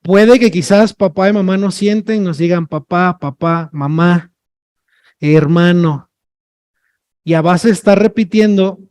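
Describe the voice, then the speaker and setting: A man lectures at a workshop in his role as sign language trainer, his high voice darkish, clear and resonant. He's talkative and jokes with the audience, regularly asking "ok?" and "no?" to check in.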